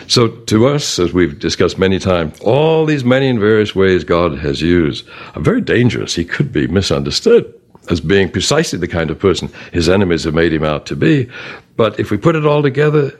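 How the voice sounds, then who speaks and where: Bible teacher, man, low voice with wide swings, animated and chatty. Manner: animated, conversational, reads scripture aloud.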